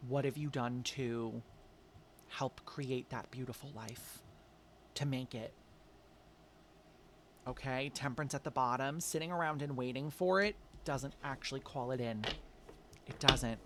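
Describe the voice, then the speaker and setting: A man's voice: medium pitch, measured pace, pauses often, a bit bright. Guy doing a tarot reading, chatty and coaxing, calls everyone babe, bit of faint hiss behind. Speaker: tarot reader.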